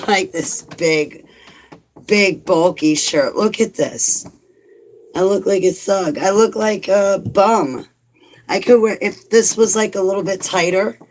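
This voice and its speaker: A woman's voice: mid-range voice, slight background noise. A woman in her forties chatting casually to her viewers, rambling and joking about herself with lots of "like"s. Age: 40s. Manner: chatty and self-mocking, rambling with many "like"s. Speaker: vlogger talking to viewers. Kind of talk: casual chat reading live comments.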